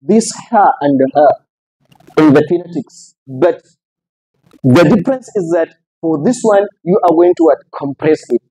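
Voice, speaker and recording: A man's voice: fairly high pitch, animated, measured pace, warm tone, slightly rough, no room sound, low-quality recording. A man with a Nigerian Hausa accent teaching tajweed in a mosque, repeating each sound for drill and answering his own questions. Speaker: Quran recitation teacher. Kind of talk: tajweed lecture. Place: mosque hall.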